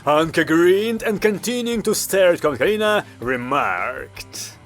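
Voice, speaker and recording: A man narrating an audiobook in a lively, expressive storytelling manner. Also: high-pitched, measured pace. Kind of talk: scripted narration. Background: background music.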